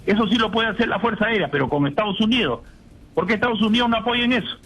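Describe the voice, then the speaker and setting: A man's voice: high-pitched, quick pace, fairly bright tone, husky, low-quality recording. An older man, a retired general, speaking indignantly as a radio guest and firing off rhetorical questions. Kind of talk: phone-in radio interview.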